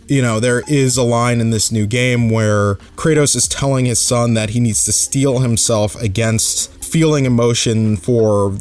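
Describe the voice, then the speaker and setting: A man hosting a solo podcast, giving a casual review in a reflective, conversational way, as if thinking aloud. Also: mid-range voice. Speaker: podcast host.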